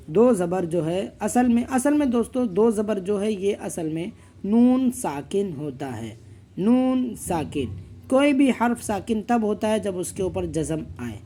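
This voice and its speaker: High-voiced man drilling letter sounds. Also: warm tone, slight background noise. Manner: drills each letter slowly, then explains rules quickly. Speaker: Quran reading teacher. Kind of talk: slow letter-by-letter recitation lesson.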